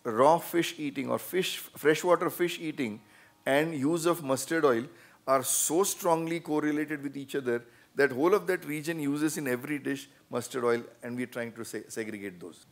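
An older man answers questions from a stage, his voice a touch high. He talks into a handheld mic in a big auditorium, earnest and explanatory, then leans hard on a key word. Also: normal speed. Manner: earnest and explanatory, with sudden emphatic bursts. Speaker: panelist, cancer surgeon. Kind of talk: panel discussion answering questions. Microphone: handheld microphone.

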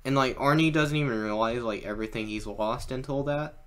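A man's voice: medium pitch, brisk. A young man hosting a casual cartoon rewatch podcast, talking loosely with lots of fillers and leading the grading. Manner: relaxed, filler-heavy, leads the grading. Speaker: podcast host. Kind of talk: casual chat.

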